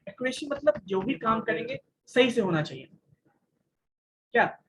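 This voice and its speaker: Hindi-English lecturer quizzing online students. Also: male voice, extremely high pitch, animated, normal speed, noisy background. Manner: explains with everyday examples, keeps quizzing students. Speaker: college lecturer.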